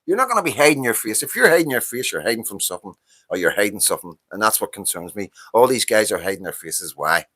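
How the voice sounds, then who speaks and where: Very animated and fast, his slightly bright voice sits on the low side. This Northern Irish livestream host in his fifties rants about politics in a casual monologue, impassioned, swearing and repeating himself.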